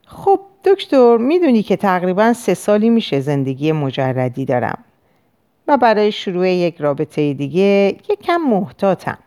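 A woman's voice: fairly low pitch, big pitch swings, mellow, clean tone. A woman reading as a hesitant male patient. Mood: confiding. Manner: hesitant, halting recollection. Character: anxious middle-aged male banker patient.

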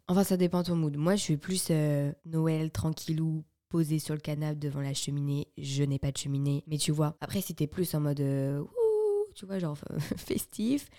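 A woman's voice: low voice, dark tone, no room sound, studio quality. A young woman hosting a podcast, chatting in a playful, self-mocking way. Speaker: podcast host. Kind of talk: casual chat.

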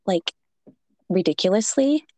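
A woman's voice: medium pitch, expressive, unhurried, warm tone, no room sound. A woman with a Minnesotan accent, co-hosting a podcast in casual chat. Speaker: podcast co-host.

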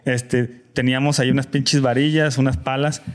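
A man's voice: mid-range voice, little pitch movement, normal speed. A man with a Mexican accent telling a long story in casual chat with friends, full of slang and swearing, acting out what people said. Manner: slangy, swears often, acts out quoted voices.

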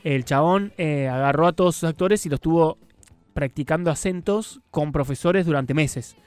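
A man's voice: on the high side, moderate pace, a little mellow, clean tone, no room sound, soft background music. A young man with an Argentine accent from Córdoba, co-hosting a radio show and giving blunt, teasing opinions on films. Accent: Argentine Spanish (Córdoba). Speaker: radio co-host. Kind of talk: casual film chat.

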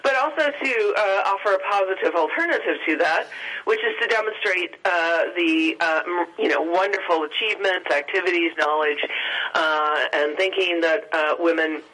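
A woman talking over the phone as an event organizer, pausing often with filler sounds. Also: fairly low pitch, pushed and bright, low-quality recording. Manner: hesitant, many filler sounds. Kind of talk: phone-in interview.

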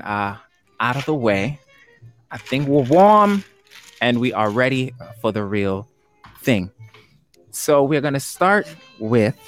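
Man, casual trivia host, joking and laughing, mid-pitched voice, faint music behind. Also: fairly bright tone. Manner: chatty, jokey, laughs often. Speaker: game show host. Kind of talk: casual hosting of an online trivia game.

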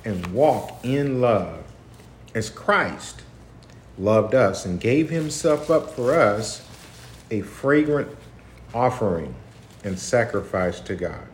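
A man with a lowish voice leads a home Bible study livestream. He reads scripture in a slow, deliberate way with emphasis. The room sounds echoey, with faint noise behind him. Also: animated. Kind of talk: casual livestream chat and scripture reading.

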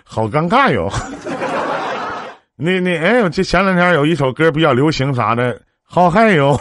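A man's voice: on the high side, expressive, moderate pace, background noise. A man with a Northeastern Mandarin accent hosting a live-stream relationship advice show, chatting on the phone in a brash, joking, big-brotherly way. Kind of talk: casual phone counseling chat on a live stream.

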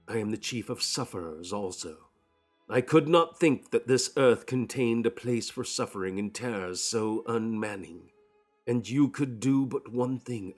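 A man voicing a tormented, secretive doctor whose letter he reads in a grave, measured way. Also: medium pitch, close to an everyday voice.

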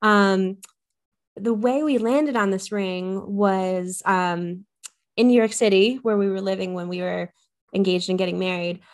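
A woman's voice: medium pitch, steady tone, measured pace. Chatty woman guest with frequent ums. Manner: chatty, many ums, enthusiastic. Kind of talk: casual podcast interview.

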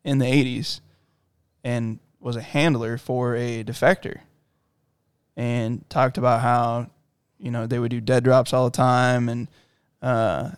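A man's voice: medium pitch, flat delivery, measured pace, smooth, no room sound, studio quality. A man in casual chat, telling long rambling stories with lots of fillers. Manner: rambling storyteller with many fillers.

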